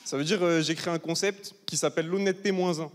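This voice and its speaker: Fast-talking young male stand-up comic, reverberant hall. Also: on the high side, steady tone. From southern France. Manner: brash, chatty, teasing the crowd. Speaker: stand-up comedian. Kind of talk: stand-up comedy set. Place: large live comedy hall, audience of 800. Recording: live hall with reverb and faint ambience.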